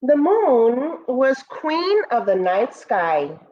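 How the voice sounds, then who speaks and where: Her voice is high and swoops widely in pitch as she reads extremely slowly, with the treble missing from the audio. She's an American teacher giving an expressive picture-book read-aloud, pausing for asides to the kids.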